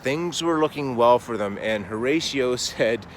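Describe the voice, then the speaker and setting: A man in mid pitch telling a story to a group in a relaxed, chatty sermon style. He pushes up and speeds through the exciting parts, then drops low and quiet for the sad ones. There is a faint hum behind him. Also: measured pace. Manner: animated, conversational, dramatic swings in pace and volume. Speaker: speaker telling a faith story.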